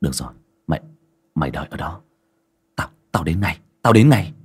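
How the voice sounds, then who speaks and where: A man's voice: a bass voice, animated, a little fast, slightly rough, pitched below the performer's own voice, exaggerated voice. Man voicing an enraged grieving father. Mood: tense. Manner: harsh, shouting in anger.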